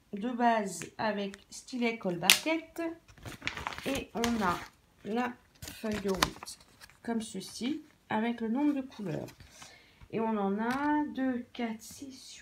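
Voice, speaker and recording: Chatty woman over loud crinkling noise. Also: fairly high pitch. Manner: chatty, rambling with many fillers. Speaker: hobby vlogger. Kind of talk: casual unboxing chat. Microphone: phone camera.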